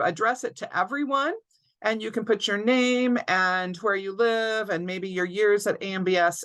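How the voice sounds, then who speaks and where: Host, female; crisp bright voice, runs through housekeeping before the interview on a video call. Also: mid-range voice, poor audio. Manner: clear, orderly housekeeping announcements. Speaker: alumni director, interview host. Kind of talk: scripted webinar introduction. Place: home or office, online webinar.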